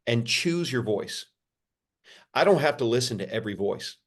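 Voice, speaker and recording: A pastor, a man, answering interview questions in a sermon-like way, repeating phrases and lifting his pitch for emphasis. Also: expressive, normal speed. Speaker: pastor, podcast guest.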